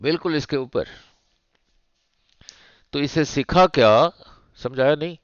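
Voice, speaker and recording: A male physics teacher, lecturing slowly and repeating himself, often asking "right?" to check understanding. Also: a little high, clean tone, no echo, muffled recording. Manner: slow, repetitive, checks understanding with rhetorical "nahin?". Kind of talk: classroom lecture at a board.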